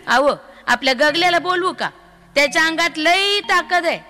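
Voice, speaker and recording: A woman voicing a practical village wife who answers her husband briskly. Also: very high-pitched, pushed and bright, in a large hall, faint music behind, pitched above the performer's own voice.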